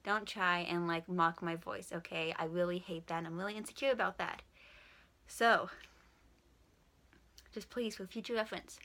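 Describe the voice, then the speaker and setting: A woman's voice: on the low side, fairly even intonation, normal speed, long pauses, fairly bright tone. A young woman from Washington State with a speech impediment, saying w for r, chatting frankly and informally in a question-and-answer vlog. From Washington State, USA. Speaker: vlogger.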